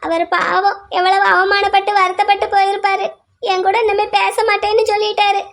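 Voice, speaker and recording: A woman plays a heartbroken cartoon girl who sulks and complains through her tears. The voice is squeaky and very high. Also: level tone, brisk, a bit bright. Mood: sorrowful. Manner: sulky, tearful complaining. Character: heartbroken young woman refusing food.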